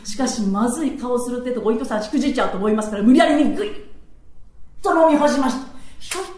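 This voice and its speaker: Lively theatrical female storyteller. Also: fairly high pitch, rapid-fire, roomy sound. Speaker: comic storyteller. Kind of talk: comic storytelling.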